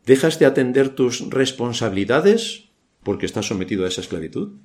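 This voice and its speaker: A man's voice: mid-range voice, big pitch swings, a little fast, darkish tone. A man from Spain with a Spanish accent preaching a church sermon, asking rhetorical questions and adding dry ironic asides.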